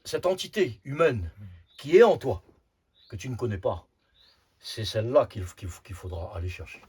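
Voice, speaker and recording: A man's voice: medium pitch, darkish tone, husky. A man over fifty giving an informal spiritual talk as a Sufi teacher, often repeating words and tagging phrases with short asides. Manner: repeats words, frequent "hein" tags, emphatic bursts.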